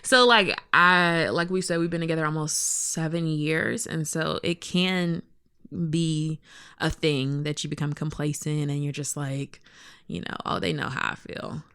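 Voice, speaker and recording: A woman's voice: sits low, fairly even intonation, a little slow, sharp tone, smooth. A woman co-hosting a podcast, giving advice in casual, chatty talk. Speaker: podcast co-host. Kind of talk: casual chat.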